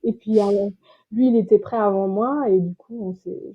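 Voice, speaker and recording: A woman's voice: medium pitch, normal speed, slightly rough. Chatty French woman over a tinny line. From France. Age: 30s. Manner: chatty, many fillers and restarts, laughs easily. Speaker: podcast guest. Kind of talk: casual interview chat.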